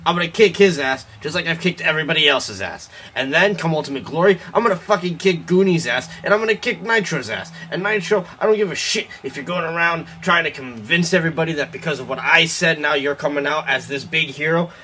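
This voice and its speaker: A man's voice: fairly high pitch, lively intonation, fairly quick, few pauses, bright, forceful tone, slight background noise. A man playing an angry, boastful pro wrestler cutting a profane, ranting promo after a few drinks. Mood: ranting, contemptuous. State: has been drinking.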